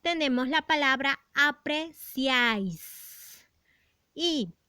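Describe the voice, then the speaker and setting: A woman teaching a recorded grammar lesson for primary school pupils, explaining slowly and deliberately and asking rhetorical questions. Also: sits high, animated, sharp tone, no room sound, clean studio sound.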